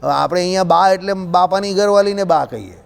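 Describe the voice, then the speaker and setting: High-voiced discourse speaker. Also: male voice, brisk, gravelly, clear, resonant tone. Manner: conversational, checks in often with listeners. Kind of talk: religious discourse with folksy anecdotes. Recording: long hall reverb.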